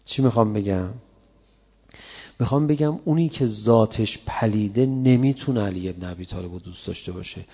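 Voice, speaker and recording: A man preaching a sermon, telling stories in a conversational way and rising to loud emotional cries. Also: fairly low pitch, husky. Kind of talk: sermon with storytelling. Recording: dull lo-fi sound with long hall reverb.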